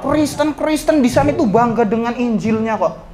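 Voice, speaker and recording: A man, an ustadz giving a lively religious talk to students, swinging between raised exhortation and soft joking asides. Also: extremely high pitch, moderate pace, over a noisy crowd, very noisy.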